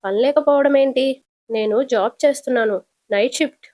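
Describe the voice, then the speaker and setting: A woman's voice: sits high, darkish tone, lightly acted. A woman voicing a sly defensive young woman. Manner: defensive, quick comebacks.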